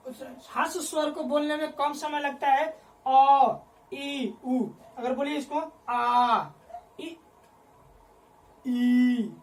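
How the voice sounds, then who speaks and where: A woman teacher giving a dictation lesson, repeating each phrase so students can write it down, then asking the class questions and answering them herself. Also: sits high. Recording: voice picked up from a distance.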